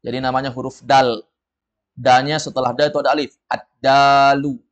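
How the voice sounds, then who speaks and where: A man teaches an Arabic lesson to a group and has them repeat each word. His voice sits at an ordinary middle pitch. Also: little pitch movement, quick pace, highs cut off. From of Padang descent. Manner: drills words, students repeat. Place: study room with a group.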